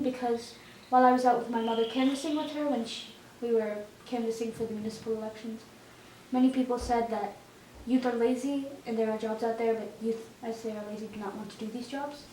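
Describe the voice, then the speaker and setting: A woman's voice: on the high side, mellow. A young woman interviewing a guest, asking her questions tentatively with some fillers. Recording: roomy echo, distant mic, faint noise.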